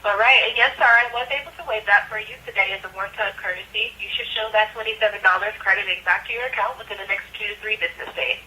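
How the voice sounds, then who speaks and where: A woman's voice: medium pitch, fast, few pauses, pushed and bright. A woman working as a call center customer service agent, speaking in polite, formal scripted phrases over the telephone. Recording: noisy telephone line.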